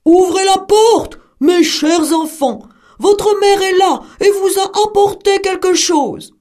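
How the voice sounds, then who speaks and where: A woman's voice: very high voice, slow pace, mellow, pitched above the performer's own voice. A woman voicing a sly, hungry male wolf who coaxes and threatens. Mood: coaxing. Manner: coaxing, then threatening.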